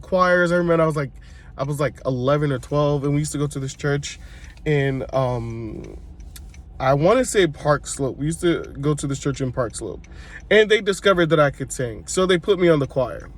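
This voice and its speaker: A congested man, his voice sitting a little high for a man. He tells personal stories to his viewers in a loose, chatty way and often corrects himself mid-sentence. He speaks as a church worship singer looking back on his life. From Brooklyn, New York. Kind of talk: casual personal storytelling to camera.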